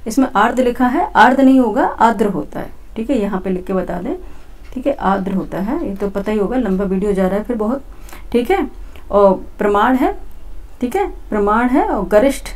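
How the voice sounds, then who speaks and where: Higher-voiced woman teacher explaining step by step. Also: darkish tone. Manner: repetitive, says "theek hai" often; explains step by step, talking to students. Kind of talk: exam-prep lesson.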